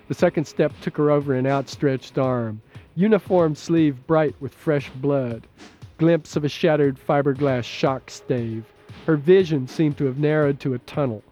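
A man narrating an audiobook in a measured, steady, low-key way. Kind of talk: scripted narration.

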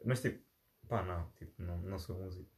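A man's voice: low-pitched, fast talker, darkish tone. A young man chatting casually with friends in slang, insistent and often repeating himself. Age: young adult. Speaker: participant in a group chat.

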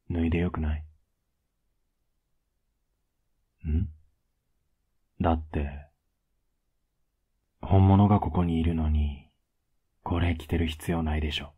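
A man playing a teasing, affectionate young boyfriend in a soft ASMR role-play, with a low, husky voice. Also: narrow, tinny audio, heavily acted. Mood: tender, affectionate. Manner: laid-back, gently teasing, intimate.

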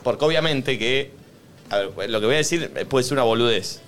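An Argentine man hosting a casual studio chat, telling stories in an animated, slangy way and often cutting in. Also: mid-range voice, slight background noise. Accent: Argentine Spanish. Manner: animated storyteller, slangy, quick to interrupt. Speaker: host.

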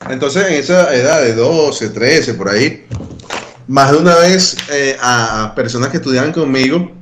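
A young man with a Venezuelan accent and a deep voice, co-hosting a podcast in casual, joking chat. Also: lively intonation, a little slow, a bit bright, reverberant, slight background noise. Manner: teasing, joking. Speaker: podcast co-host.

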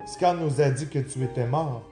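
A man voicing a young lioness, a loyal friend, speaking in a hushed murmur in a storybook reading. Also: medium pitch, normal speed, close to an everyday voice. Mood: urgent. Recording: roomy, clear background music.

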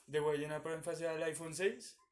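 A young man with a Colombian accent, loud and crude in his joking, his voice sitting a little high. He laughs often while chatting with friends. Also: steady tone, a little fast, slight background noise. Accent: Colombian Spanish. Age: young adult. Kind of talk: casual chat among friends.

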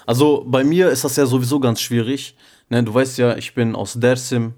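A young man co-hosts a casual podcast in a mid-range, steady, somewhat dark voice at normal speed. He talks in street slang, keeps calling the other man "bro," and often checks whether he gets what he means.

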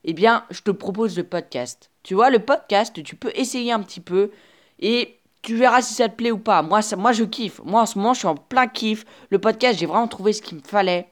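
Chatty woman podcasting into earphone mic. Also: medium pitch. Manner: chatty and motivational, speaks straight to the listener; halting, with frequent restarts and filler sounds. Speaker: podcast host. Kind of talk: casual solo podcast monologue. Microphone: earphone headset mic.

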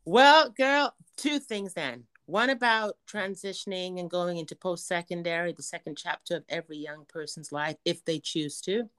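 A woman's voice: fairly low pitch, normal speed, few pauses, fairly bright tone, clear, resonant tone, no room sound, studio quality. Woman host calling everyone honey. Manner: affectionate, calls guest honey and girl. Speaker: podcast host. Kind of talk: casual podcast chat.

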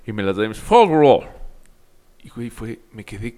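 A man's voice: fairly low pitch, rapid-fire, a crowd in the background. A man with a Mexican Spanish accent, co-hosting a podcast and telling a story in casual chat, acting out the exchanges. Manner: animated storytelling, acts out exchanges.

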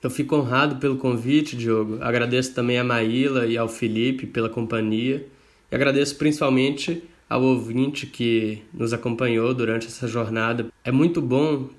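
A Brazilian man speaking courteously and conversationally as a podcast guest. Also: medium pitch.

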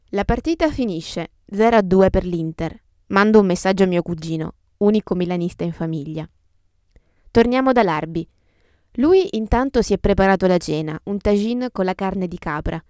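A woman's voice: medium pitch, moderate pace, a little mellow, clean tone, no room sound, clean studio sound. A woman podcast host reading scripted travel narration in a reflective, descriptive storytelling way. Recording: music behind the voice. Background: guitar music.

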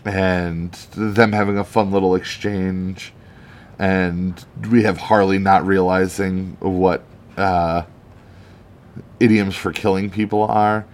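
A man giving casual, excited commentary on a comic book, chatty and swearing now and then. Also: deep voice, slow pace.

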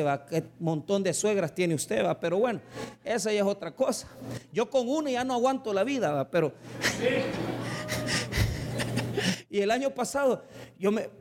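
Male pastor, high voice, joking conversational sermon, faint noise behind. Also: darkish tone. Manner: conversational preaching with humor and rhetorical questions. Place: church service.

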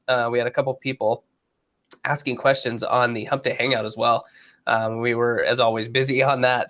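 A man co-hosting a podcast while sick, talking casually with lots of fillers. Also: medium pitch. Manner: relaxed, rambling with many fillers. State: sick, sniffling. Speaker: podcast co-host.

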